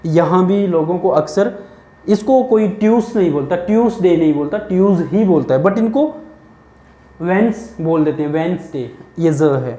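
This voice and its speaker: A man's voice: sits high, expressive, warm tone, roomy sound. A man teaching English pronunciation in a lesson, drilling each word and answering his own questions. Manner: slow, repetitive drilling of words, asks then answers himself. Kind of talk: Hindi-language lesson.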